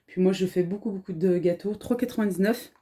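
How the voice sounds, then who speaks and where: This family vlogger from France speaks fairly quickly in a soft, hushed mid-range voice during a casual haul vlog indoors in her home kitchen, keeping quiet so the children stay asleep. Her accent shows a slight Arabic-influenced lilt from home, she fills her speech with fillers, and slight background noise is present.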